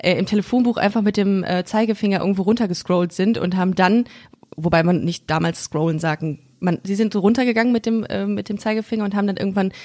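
A woman's voice: medium pitch, fairly even intonation, fast talker, a little mellow. A woman hosting a casual conversation, talking in a chatty, rambling way with many fillers and restarts. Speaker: host. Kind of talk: casual chat.

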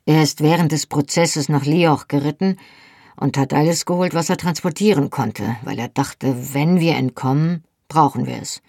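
A dry, practical young Highland husband as a woman reader voices him, talking in a gravelly, husky, low tone. The storybook reading is close and dry, with no room sound. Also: moderate pace, a little mellow, no echo. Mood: matter-of-fact.

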